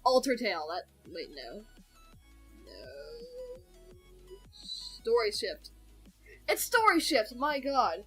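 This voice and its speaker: A woman's voice: on the high side, wildly swooping pitch, extremely slow, long pauses, a bit bright, soft background music, low-quality recording. A young woman hosting a casual reaction chat with a friend, rambling, correcting herself and laughing as she goes. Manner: chatty and rambling, with sudden laughs and self-corrections. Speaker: video reactor, channel host.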